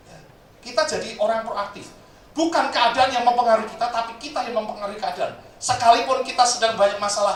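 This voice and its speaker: A man preaching a sermon in a church, telling jokes and stories as he addresses the congregation. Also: high-pitched. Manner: animated, joking storyteller addressing the congregation. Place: church service hall. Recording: very echoey hall, distant mic, faint noise.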